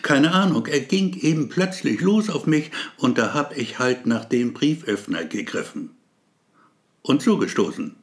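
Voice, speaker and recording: A man's voice: medium pitch, expressive, measured pace, lightly acted. Man voicing a touchy, pedantic male patient. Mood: defensive. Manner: insistent, pedantic corrections. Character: odd, touchy male patient, nervous and defensive.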